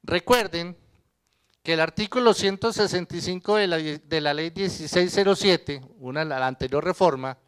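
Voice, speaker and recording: A man lectures a seminar room in a casual, conversational way, stopping to quiz his listeners and tease them. His voice sits fairly high and comes through smooth and resonant. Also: normal speed, fairly bright tone. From Colombia. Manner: conversational lecturing, quizzes the audience, jokes. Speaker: accountant presenting to a seminar. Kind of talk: live seminar presentation.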